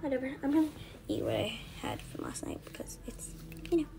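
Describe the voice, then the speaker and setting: A woman's voice: high-pitched, wildly swooping pitch, fairly quick, vocal fry, in a whisper. A woman narrating doll play in a home video, rambling and shrugging things off as she goes. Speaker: video creator.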